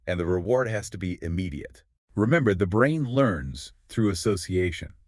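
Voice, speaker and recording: Deep, lively-voiced man explaining confidently. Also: moderate pace, no echo, clean studio sound. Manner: confident, explains in clear steps. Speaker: podcast co-host. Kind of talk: explanatory podcast chat.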